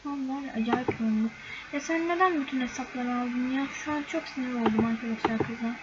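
Over a game screen recording, a high-voiced young woman who runs a gaming YouTube channel chats a little fast, often exasperated and treating her viewers as friends. The casual commentary comes through a dull, lo-fi recording with heavy background noise.

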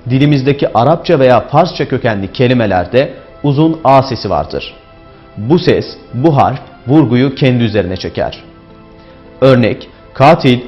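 Guy teaching diction, slow careful delivery, muffled audio, faint music under it. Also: mid-range voice. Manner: slow, deliberate, stresses example words. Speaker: diction instructor. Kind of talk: instructional lecture.

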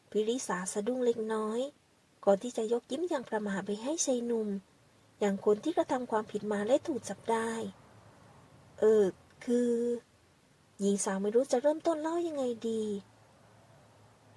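A woman narrating a romance audio novel in a steady, soft reading manner. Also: a little high, slightly rough, distant mic.

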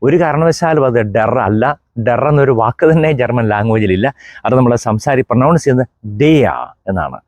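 A middle-aged priest from Kerala giving a German pronunciation lesson, spelling out contrasting sounds and repeating examples slowly. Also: male voice, medium pitch, animated, a little mellow, dry recording. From Kerala, India. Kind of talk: explanatory language lesson.

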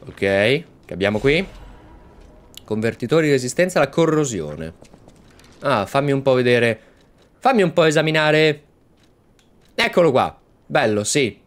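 A man hosting a let's-play, excitedly commenting on his game and chatting to viewers. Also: medium pitch, unhurried, pauses often. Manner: excitable, exclaims often, talks to viewers. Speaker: gaming channel host.

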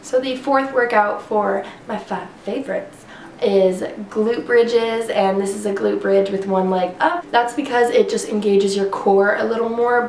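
A congested young woman in her twenties, who makes fitness vlogs, rambles casually about workouts to camera from her living room, leaning on many fillers. Her mid-range voice is a little mellow. The room echoes, and there is a little hiss or hum.

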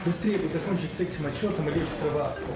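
A woman's voice: low voice, fast, close to an everyday voice. A woman voicing a weary, sleepy office worker in a comic story. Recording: very echoey, loud music behind.

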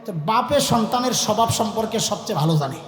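A man preaching a fiery sermon at a big gathering, shouting questions for the crowd to answer and telling stories with quick voiced asides. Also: high voice, lively intonation, soft background music. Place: large open-air religious gathering. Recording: echoey PA sound at a crowded outdoor event. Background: crowd of listeners.

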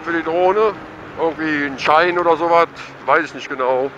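A middle-aged man giving casual, excited running commentary while riding a motorcycle through town. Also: on the high side, normal speed, lo-fi sound, background noise. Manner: chatty and excited, thinking aloud. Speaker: motovlogger. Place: outdoors on a motorcycle in town traffic.

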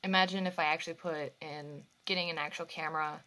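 A woman's voice: sits low, fairly even intonation, quick pace, sharp tone, rough recording. A woman giving casual reaction commentary to camera, candid and rambling, recorded on a phone. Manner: candid, rambling, self-correcting. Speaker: anime reaction YouTuber.

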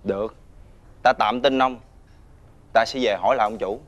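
An actor playing a menacing male debt-collecting thug, talking loudly and scornfully. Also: lowish voice, steady tone, moderate pace, highs cut off, close to an everyday voice. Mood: threatening. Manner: loud, scornful, ordering others around. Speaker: debt collector's henchman leader. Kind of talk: TV fairy-tale drama acting.

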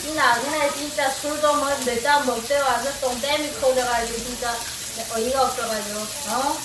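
A woman's voice: high voice, steady tone, moderate pace, background noise. A woman with a Yanbian Korean accent chatting casually in a scolding, bickering way. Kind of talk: casual chat. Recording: echoey, distant from mic.

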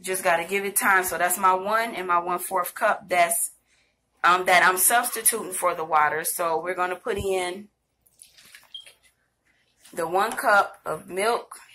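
Filming on a handheld phone in her kitchen, a middle-aged woman hosts a home cooking video, chatting and rambling straight to viewers as she cooks. Her lowish voice is bright and forceful at a measured pace, with a little hiss or hum.

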